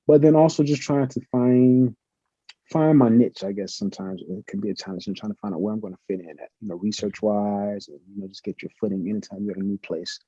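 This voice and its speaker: Muffled lo-fi audio, dry and without echo, captures a middle-aged professor on a podcast replying earnestly and reflectively, with plenty of fillers. His lowish voice is mellow and husky, fairly even in intonation and quick.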